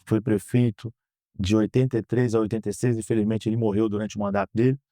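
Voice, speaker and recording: A man's voice: on the low side, little pitch movement, dark tone, no echo. Earnest man in his thirties, dry studio sound. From Brazil. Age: 30s. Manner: earnest, measured, frequent "né?" tags. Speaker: guest, politician. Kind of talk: interview answers. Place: podcast studio.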